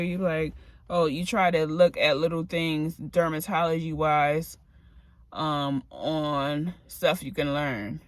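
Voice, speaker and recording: A woman's voice: deep voice, no room sound. Tired lady vlogging, rambles on, kinda breathless, dry close sound. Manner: rambling, drifting between topics. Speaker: vlogger and medical assistant. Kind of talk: casual advice talk to camera.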